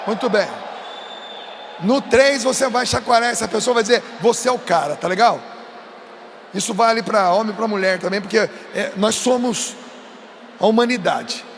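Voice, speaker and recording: Brazilian guy preaching at a youth event, loud and pushy, faint hiss behind. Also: sits high, normal speed, pauses often. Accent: Brazilian Portuguese. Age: adult. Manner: emphatic, shouting and coaxing the crowd. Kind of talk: sermon to a youth crowd. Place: large event stage. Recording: long reverb of a big venue, faint noise.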